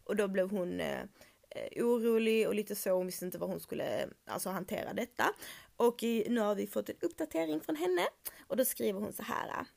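A woman's voice: medium pitch, expressive, creaky, a little mellow. A young Swedish woman hosting a podcast, chatting casually and reading listener messages, outspoken and swearing freely with English slang mixed in. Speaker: podcast host.

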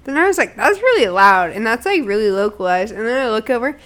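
Young woman co-host, casual podcast chat, swears freely, lively storyteller, slightly high voice. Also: fast talker. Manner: profane, animated storytelling.

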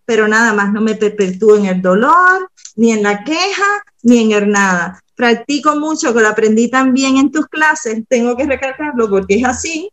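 A woman from Cuba chatting as a podcast guest, talking through her daily habits and often slowing down to explain them. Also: a little high, lively intonation, fairly bright tone. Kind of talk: casual podcast chat.

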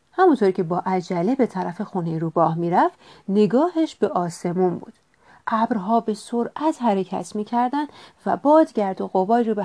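A woman reading a children's storybook aloud with gentle, expressive narration. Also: medium pitch.

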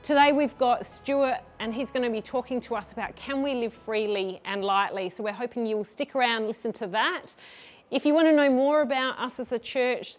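A woman hosting a church's online service, welcoming viewers in a friendly, unhurried way before handing over to the speaker. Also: a little high. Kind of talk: welcome introduction.

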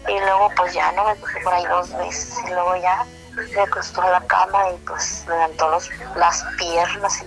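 A woman with a Mexican Spanish accent tells an intimate story of her own over the phone, stopping and restarting and letting out soft sighs as she goes. Her voice sits a little low for a woman but sounds bright and tense. Faint music plays underneath. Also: level tone, vocal fry, rough recording. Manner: halting, sighing and giggling, many restarts. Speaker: caller telling her story.

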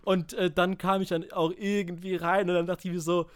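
A man telling a story in casual chat, animated, acting out quotes, swearing and laughing. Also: high voice, normal speed, clear, resonant tone. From village.

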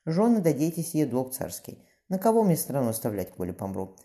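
Cruel commanding young tsar, read by a man, brisk, dark timbre. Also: mid-range voice, huge pitch swings, voice pushed up. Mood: tender.

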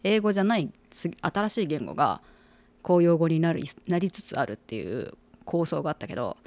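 A woman's voice: low-pitched, big pitch swings, brisk, a little mellow, no echo. Teasing woman in casual chat. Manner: teasing, questioning, many nods. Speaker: podcast co-host.

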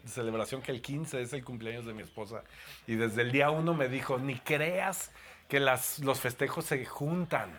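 Pastor with a Mexican accent, playful and chatty in the pulpit, bright and forceful. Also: male voice, medium pitch, a little hiss or hum. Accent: Mexican Spanish. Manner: playful, joking, conversational. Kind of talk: sermon. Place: church before a congregation.

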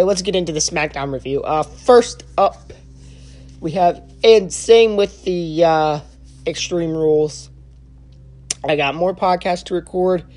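A young man giving a casual spoken review, halting and full of filler sounds and restarts. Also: a little high, darkish tone. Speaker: wrestling show reviewer.

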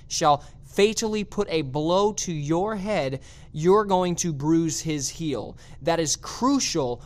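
A man preaching a sermon, reading scripture aloud and slowing down to stress key words. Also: fairly high pitch.

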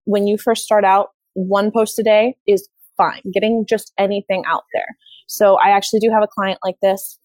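A woman's voice: mid-range voice, little pitch movement, normal speed, a little mellow, dry recording, low-quality recording. Woman consultant in a dry, close recording. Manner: explanatory, casual with fillers like "you know" and "like". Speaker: social media consultant. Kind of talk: conversational interview.

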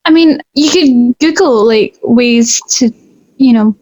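A woman's voice: fairly high pitch, slow pace, a little mellow, no echo. A young woman, chatting hesitantly on a podcast with giggles and fillers, on a dull lo-fi recording. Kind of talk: casual chat. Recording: dull lo-fi sound.

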